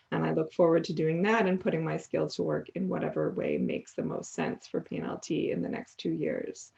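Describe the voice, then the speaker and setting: A woman who teaches law, giving a fluent, measured statement as a board nominee. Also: deep voice, creaky, darkish tone, muffled recording. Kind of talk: prepared candidate statement.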